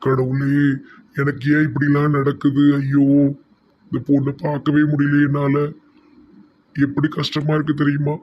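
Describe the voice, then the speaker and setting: A man with a Tirunelveli Tamil accent voicing a torn, soft-hearted young man in a cartoon, lamenting to god. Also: on the high side, moderate pace, long pauses, highs cut off, slight background noise, close to an everyday voice. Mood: regretful. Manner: flat, lamenting, calls on god.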